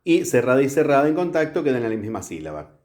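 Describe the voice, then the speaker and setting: Standing at a whiteboard, a man patiently walks a class through a grammar lesson step by step, often pausing to make sure they're keeping up, while a camera films from across the room. His mid-pitched voice is a little mellow, moving quickly through big, lively pitch swings.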